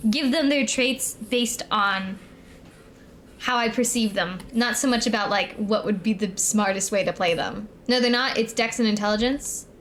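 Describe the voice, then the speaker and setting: High-pitched, cute anime-streamer young woman. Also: a bit bright, slight background noise. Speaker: streamer and co-host. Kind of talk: casual livestream chat.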